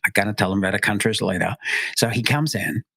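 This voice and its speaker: Chatty male podcast host, lowish voice. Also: quick pace, creaky, sharp tone, husky, dry recording. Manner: casual, enthusiastic chatter. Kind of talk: podcast interview.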